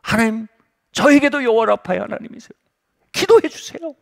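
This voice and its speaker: A woman's voice: on the high side, lively intonation, brisk, creaky. A male preacher voicing a young woman who is deaf in one ear and earnestly asks him to pray for her. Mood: pleading. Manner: earnest, pleading.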